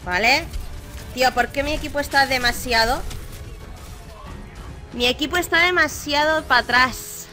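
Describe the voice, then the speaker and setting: A young Spanish woman with a bright, sharp voice pitched a little high runs through patch notes and then reacts to her own match. She talks in a chatty, excitable way, piling up quick fillers. Light music plays underneath. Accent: Spain Spanish. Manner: chatty, excitable, many repeated fillers like vale. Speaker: gaming streamer. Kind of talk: patch notes review and live gameplay commentary.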